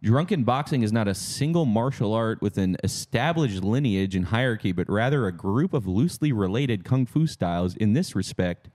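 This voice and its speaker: Man, podcast co-host, low voice, mock-serious, excitable comic presenter. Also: normal speed, few pauses. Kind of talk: comedic conspiracy presentation.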